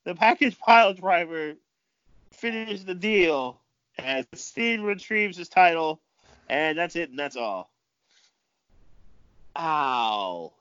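A man giving improvised amateur wrestling commentary, speaking haltingly and often repeating himself. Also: high-pitched, lively intonation, a bit bright, clear, resonant tone, lo-fi sound.

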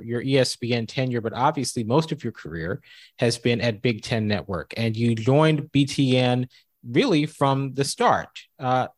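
A man co-hosting a sports media podcast, setting up questions with measured explanations. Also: medium pitch. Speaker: podcast co-host. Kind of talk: podcast interview.

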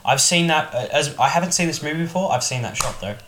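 A man's voice: a little high, lively intonation, quick pace, a bit bright, slight background noise. A man, co-hosting a casual film review podcast, blunt and opinionated, with some swearing. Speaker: podcast co-host. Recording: echoey room.

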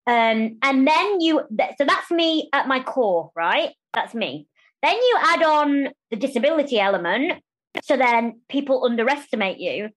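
A woman speaking candidly as a podcast interview guest, animated and quick to restart phrases and act out what others say. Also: high-pitched, poor audio. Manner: animated, restarts phrases, acts out quoted voices.

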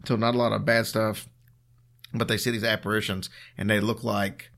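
A man with a fairly low voice and plenty of fry in it. He tells stories as a co-host in a loose, conversational style. His delivery is dry, with a teasing edge. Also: flat delivery, normal speed, a bit bright. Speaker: podcast co-host telling ghost stories. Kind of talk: casual storytelling chat.

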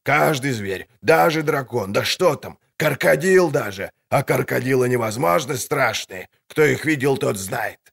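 Male narrator doing a boastful pockmarked showman, gravelly and barking, for a storybook reading. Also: medium pitch, animated, measured pace, hardly any pauses, fairly bright tone, voice pushed up, heavily acted. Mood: hawking. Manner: barking, folksy huckster patter. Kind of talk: audiobook character voice.

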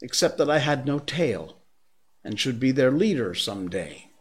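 A man voicing an excited young boy raised in the jungle, pleading and rushing his words together, in a storybook reading. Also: medium pitch, voice pushed up. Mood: eager. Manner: pleading, excited, breathless run-on talk.

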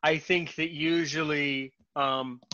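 A man hosting a podcast, talking casually with a guest, halting and repeating his words with many fillers. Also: on the high side, steady tone, sharp tone, lo-fi sound. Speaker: podcast host.

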